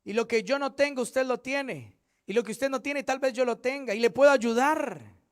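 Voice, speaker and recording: A man's voice: very high-pitched, moderate pace. A male pastor preaching a fervent Bible study sermon, acting out what church members say.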